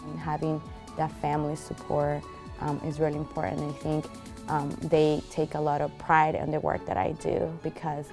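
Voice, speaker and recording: Low gravelly-voiced woman. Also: completely flat delivery, normal speed, over music. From Peru. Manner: earnest, many fillers. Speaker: graduate student. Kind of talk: interview. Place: library room. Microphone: lapel.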